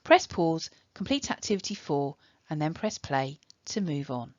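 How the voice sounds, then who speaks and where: A woman with an English accent teaching a recorded online lesson, giving clear step-by-step instructions. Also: low voice, big pitch swings, unhurried, a little mellow, no echo, lo-fi sound.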